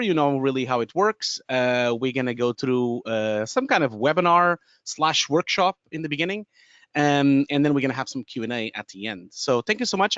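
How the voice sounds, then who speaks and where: A chatty man with a Portuguese accent presents a live webinar from a home studio, speaking into a headset mic. His voice sits a little high and comes through dry, with a dull, lo-fi webinar sound. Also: a bit bright, no echo. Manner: chatty, many fillers and restarts, laughs often. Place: home studio room with bookshelves. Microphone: headset with boom mic.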